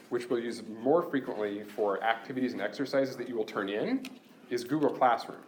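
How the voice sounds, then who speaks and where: Explaining course logistics to his university class, this instructor goes step by step and keeps things practical and chatty. His mid-range voice is a little mellow, and slight background noise can be heard.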